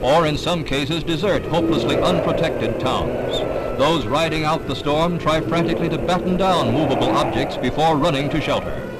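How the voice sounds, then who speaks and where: A man's voice: a little high, normal speed, very noisy. A man doing dramatic, emphatic 1960s newsreel narration, heard as an old newsreel soundtrack. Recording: narration over loud music.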